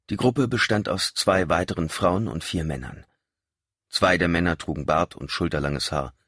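Low husky guy reading an audiobook, lively intonation, dry close sound. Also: no echo. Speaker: audiobook narrator. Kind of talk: scripted narration.

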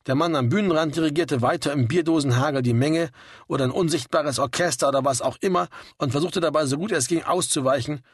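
A man reading a story aloud in a steady, wry narrating manner. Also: a little high, quick pace, breathy edge, no room sound, clean studio sound. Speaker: audiobook reader. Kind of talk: scripted narration.

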